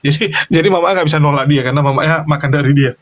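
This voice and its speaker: Teasing host, higher male voice. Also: rapid-fire. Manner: teasing, addresses viewers. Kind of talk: casual interview chat.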